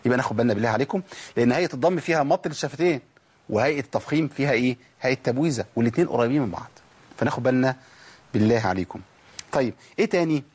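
A man with an Egyptian accent teaching Quran recitation, drilling sounds slowly and asking and answering his own questions. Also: medium pitch, animated, a little mellow, husky. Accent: Egyptian Arabic. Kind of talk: recorded tajweed lesson.

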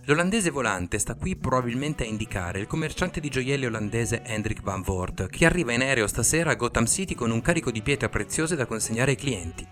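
A man voicing a calm, clever masked crime-fighter in a matter-of-fact way. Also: mid-range voice, a little fast, few pauses, faint music behind, close to an everyday voice. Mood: composed.

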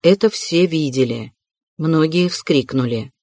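A woman's voice: low voice, a little slow, darkish tone, no room sound. Woman narrating a classic novel. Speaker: audiobook narrator. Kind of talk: literary audiobook narration.

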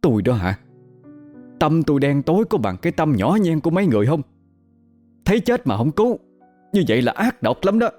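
A man's voice: very animated, normal speed, pauses often, warm tone, soft background music. A man voicing a greedy middle-aged village woman who wails and scolds shrilly in a told story. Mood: wailing. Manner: wailing, shrill, self-pitying. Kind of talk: storytelling with voices.

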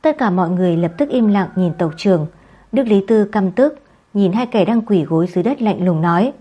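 A woman reading a novel aloud in a steady, measured storytelling voice. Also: medium pitch, slightly rough. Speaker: narrator. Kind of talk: scripted audiobook narration.

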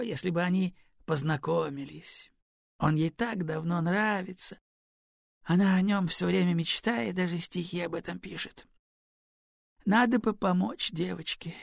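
Fussy storybook raven, high and wheedling, husky and gravelly, put on by a male reader. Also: expressive, normal speed, dry recording, studio quality, heavily acted. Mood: pleading. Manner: high, whiny and pleading. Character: fussy, pleading, book-loving raven. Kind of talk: audiobook character voice.

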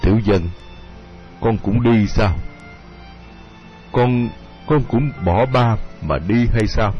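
Man reading it as a sad worried old dad, low voice, dull lo-fi with music behind. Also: takes it slowly. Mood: grieving. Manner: anxious, pained murmuring. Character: older father, grieving and worried.

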